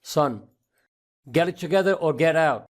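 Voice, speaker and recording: A man's voice: a little high, lively intonation, measured pace. A man voicing an angry, stern department store boss scolding a worker in a told story. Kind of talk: storytelling dialogue.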